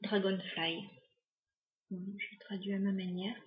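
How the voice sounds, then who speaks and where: A woman giving a casual tarot reading to her viewers, musing and hesitant with many pauses and fillers. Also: mid-range voice, echoey room, muffled recording. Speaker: tarot card reader.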